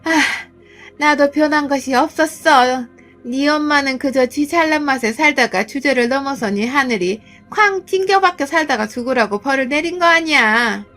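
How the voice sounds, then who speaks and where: A woman's voice: sits high, very fast, few pauses, bright, forceful tone, faint music behind. A woman putting on a spiteful older mother-in-law. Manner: cutting, contemptuous scolding.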